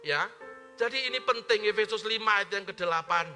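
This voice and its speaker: A male pastor preaching from the pulpit in a very high, piercingly bright voice. He talks loudly and forcefully, calling on the congregation to repeat his words. The live-streamed service has faint music in the background. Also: a little fast. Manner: loud forceful preaching with call-and-response prompts. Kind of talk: sermon. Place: church.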